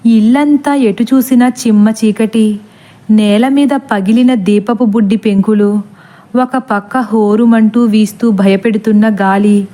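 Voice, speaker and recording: A woman narrating a scripted horror story in a steady, dramatic reading. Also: a little high.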